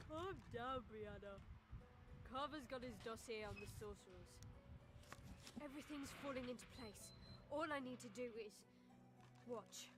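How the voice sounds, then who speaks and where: Woman acting a drowsy, slow-talking female guard. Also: on the high side, music in the background, lightly acted. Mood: weary, reassuring herself. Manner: drowsy, muttering, drawn-out. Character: exhausted, twitchy young female guard fighting off sleep. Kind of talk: video game character acting.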